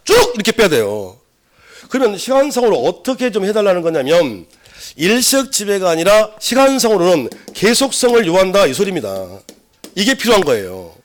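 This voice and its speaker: Male lecturer, higher voice, loud and animated, quizzes the class, a touch hoarse from a cold. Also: a little fast. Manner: lively, loud, asks the class questions. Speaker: civil law lecturer. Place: lecture room.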